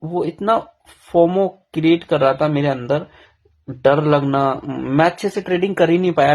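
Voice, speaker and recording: A man's voice: on the high side, creaky, darkish tone, slightly rough. A young man telling his own story in a frank, self-deprecating, rambling way, full of restarts, in a casual confessional vlog.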